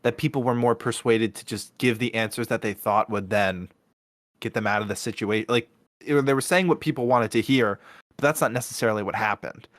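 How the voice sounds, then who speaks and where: A man's voice: fairly low pitch, brisk, no room sound, studio quality. A man co-hosting a podcast in casual chat, rambling with many restarts and fillers. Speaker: podcast co-host.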